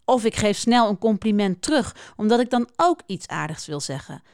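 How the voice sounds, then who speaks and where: A woman reading a children's picture book aloud, expressive and lively, voicing the animals. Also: medium pitch, moderate pace, no echo, studio quality. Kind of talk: children's story read-aloud.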